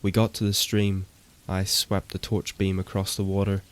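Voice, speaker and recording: A man giving a steady, matter-of-fact scripted horror narration. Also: low-pitched, normal speed.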